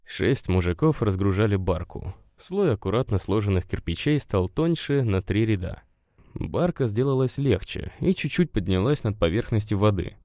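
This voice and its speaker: A man narrating a literary story with a measured, expressive reading. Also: lowish voice, no room sound, studio quality.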